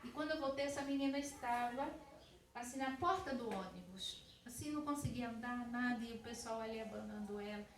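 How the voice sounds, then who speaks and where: A woman's voice: on the high side, fairly quick. A woman missionary with a Brazilian Portuguese accent giving a testimony sermon, talking conversationally and addressing the congregation directly. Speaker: missionary preacher. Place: church hall. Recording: echoey church hall, distant mic.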